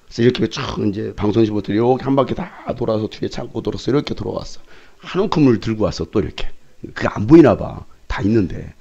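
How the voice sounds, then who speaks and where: A man's voice: fairly low pitch, quick pace, creaky, dull audio. A male pastor preaching a sermon, telling stories animatedly and acting out the scenes he retells. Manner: animated storytelling, shouting in retold scenes. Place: church sanctuary.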